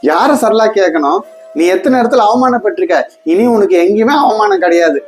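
A man's voice: high voice, brisk, faint music behind. Teasing man in a comedy skit. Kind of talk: scripted family comedy skit.

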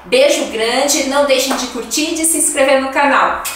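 A woman's voice: sits high, moderate pace, fairly bright tone. A woman with a Brazilian accent giving a casual language lesson, chatty and laughing often as she acts out example phrases. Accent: Brazilian Portuguese. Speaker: Portuguese teacher. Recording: echoey room, voice from a distance, faint noise.

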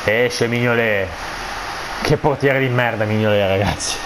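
A man's voice: medium pitch, measured pace. Explosive cursing man over background noise. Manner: explosive, foul-mouthed cursing between shouted player names. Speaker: video game streamer. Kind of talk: excited football game commentary.

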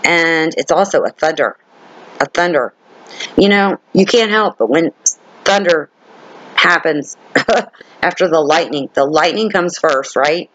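A Bible teacher with a somewhat high, fairly bright voice leads an informal study, reading scripture aloud and explaining it piece by piece. He speaks a little slowly with frequent pauses, repeats key words for emphasis, and keeps checking in with listeners. The audio quality is poor.

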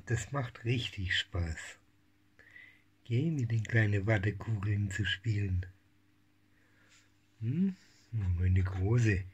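Middle-aged man, breathy low voice, very slow, gentle cooing, drifts into whispers. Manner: soft cooing baby talk, often whispering. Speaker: cat breeder. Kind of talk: casual home video vlog. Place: home room with kittens.

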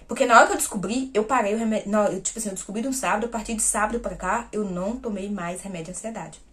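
Talking very fast in a mid-range voice, a woman vlogger recounts personal news in a casual storytelling manner. She speaks directly to her audience, calling them "gente," and plays out the conversations she describes.

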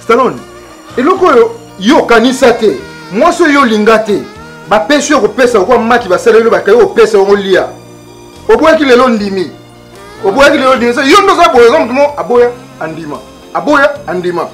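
A man's voice: extremely high pitch, animated, normal speed, fairly bright tone. A man playing a teasing friend who gives blunt love advice, switching between French and Lingala. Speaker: actor in Congolese theatre comedy. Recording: echoey room with music.

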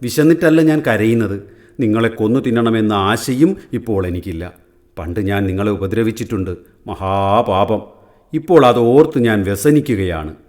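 A man's voice: on the low side, moderate pace, darkish tone, close to an everyday voice. A man playing a sly old heron. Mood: sly pleading. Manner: pleading, scheming tone. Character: old cunning male heron, fake weeping.

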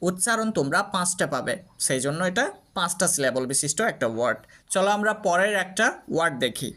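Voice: mid-range voice, a bit bright. Patient teacher sounding out syllables. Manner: patient, breaks words into syllables and repeats them; addresses students directly with instructions. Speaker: English reading teacher. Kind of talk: online video lesson.

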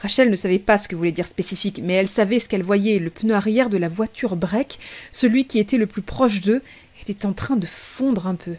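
Woman reading a story aloud. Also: medium pitch. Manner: measured, steady narration. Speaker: streamer reading stories aloud. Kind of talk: audiobook reading.

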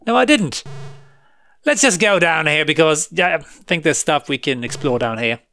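A man's voice: fairly high pitch, lively intonation, moderate pace, vocal fry, pushed and bright, soft background music. A man giving live commentary while playing a retro game, grumbling sarcastically and laughing at his own frustration. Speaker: retro gaming video host.

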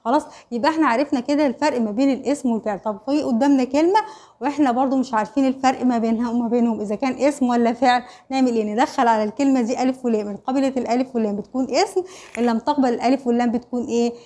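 Warm in tone and on the high side, her Egyptian-accented voice moves rapid-fire through an online primary school Arabic lesson. She asks pupils questions that she then answers herself, checking in with short tags, "ماشي؟" and "خلاص؟".

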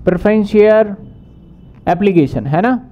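A man teaching accounting in a brisk lecture, asking questions and answering them himself. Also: sits high, lively intonation, lo-fi sound, faint music behind. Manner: brisk, asks and answers his own questions. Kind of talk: whiteboard lecture.

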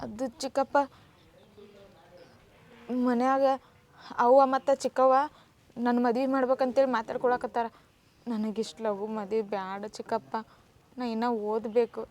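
A woman's voice: on the high side, flat delivery, normal speed, pauses often, a little mellow, close to an everyday voice. A woman playing a young village daughter who pleads against an early marriage, with a North Karnataka accent, in an amateur village drama. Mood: tearful. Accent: North Karnataka Kannada. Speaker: daughter pressed to marry.

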